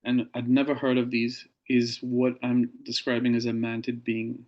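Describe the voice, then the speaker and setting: A man speaks as an interview guest, slowly and earnestly recounting something that happened to him. His voice stays level and flat, with little rise or fall. The audio sounds dull and lo-fi. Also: medium pitch. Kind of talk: recounting a personal experience.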